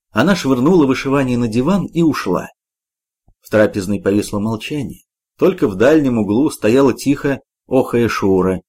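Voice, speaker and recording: A man's voice: mid-range voice, a little mellow. A man narrating a novella as a home-made audiobook, reading expressively.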